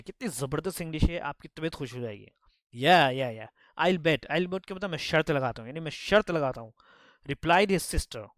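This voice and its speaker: A man's voice: fairly high pitch, a bit bright, no room sound, clean studio sound. A man teaching spoken English, reading story lines aloud and explaining them phrase by phrase. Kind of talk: Hindi-language spoken English lesson.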